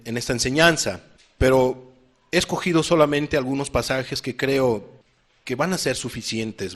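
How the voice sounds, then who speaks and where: A man's voice: mid-range voice, a bit bright, breathy edge. A man preaching a sermon, emphatic and repeating his key phrases as he addresses the listeners directly.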